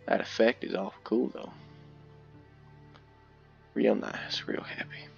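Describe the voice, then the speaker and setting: A man's voice: lowish voice, takes it slowly, gravelly, muffled recording, faint music behind. A tired man with a headset microphone commentating a western game late at night, talking in a folksy, profane mock-cowboy drawl. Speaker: gamer playing a western game.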